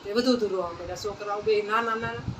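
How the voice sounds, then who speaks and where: Speaking quickly, with medium pitch and fairly even intonation, a woman narrates a saint's life at a satsang. She is a devotional storyteller using a plain folk manner full of repeated phrases. The mic is far off, and faint ambient noise can be heard.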